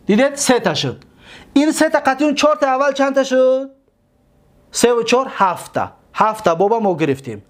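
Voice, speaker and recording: A man with a Tajik accent teaching a grammar lesson, asking questions and answering them himself, and drawing out example words slowly. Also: extremely high pitch. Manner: slow, drawn-out on example words.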